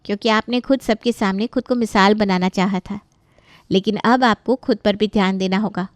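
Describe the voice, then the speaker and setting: A woman's voice: mid-range voice, steady tone, normal speed, no echo, natural voice. A woman voicing a playful, teasing young sister-in-law in a cartoon story. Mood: earnest.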